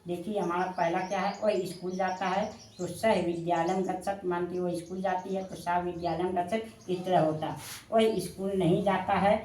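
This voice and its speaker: A woman teaching a language lesson, dictating slowly and repeating each word for her students. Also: lowish voice, a little mellow, reverberant, a little hiss or hum. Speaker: Sanskrit teacher. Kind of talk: classroom-style lesson.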